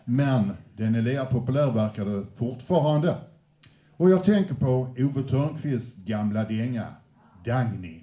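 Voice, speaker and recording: A man speaks from a stage to a live audience, introducing each song with easygoing anecdotes and the odd hesitation. His voice is warm and mellow, at a middling pitch. The room carries a noticeable echo around him. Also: expressive. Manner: chatty, anecdotal, slight hesitations. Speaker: band frontman introducing songs. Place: indoor venue with a live audience. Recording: roomy echo.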